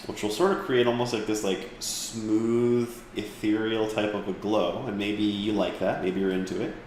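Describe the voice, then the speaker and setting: Male instructor, rambling casual delivery, low-ish voice, heavy room echo. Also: moderate pace, background noise. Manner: relaxed, rambling, with fillers and restarts. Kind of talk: live class software tutorial.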